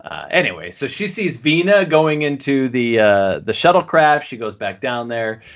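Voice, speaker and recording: With a sing-song, medium-pitched delivery at a moderate pace, a man co-hosts a podcast, chatting casually and rambling through fillers and restarts. The highs are cut off in the recording.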